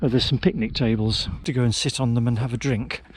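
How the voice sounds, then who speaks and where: A man's voice: mid-range voice, fairly even intonation, brisk, noisy background. A man giving casual, opinionated vlog commentary in a wry, understated way. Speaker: vlogger presenting a travel film.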